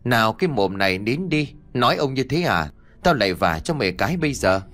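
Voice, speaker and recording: A man's voice: medium pitch, sing-song, fairly quick, a bit bright. A man doing a frantic, tearful young mother. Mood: scolding. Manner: tearful, scolding. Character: frantic young mother scolding her son.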